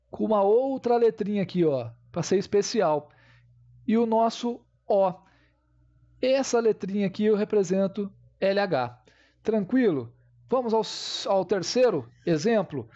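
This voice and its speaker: A man's voice: sits high, darkish tone, highs cut off. A man teaching a grammar lesson, explaining step by step and checking in with his viewers.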